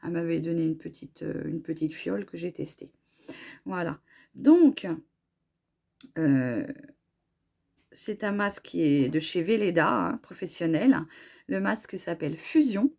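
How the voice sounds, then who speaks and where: Woman, middle-aged, hoarse from a cold, gravelly, dark tone, chatty, hesitant, casual vlog talk. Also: lowish voice, measured pace, pauses often. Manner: chatty, hesitant, many fillers and restarts. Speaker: beauty vlogger. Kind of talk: casual product review.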